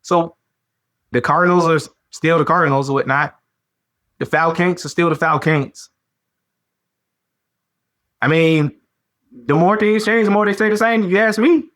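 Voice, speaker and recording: A man hosting a sports podcast, talking in a casual, animated way with slang and lots of repetition. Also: a little high, moderate pace, pauses often. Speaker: podcast host.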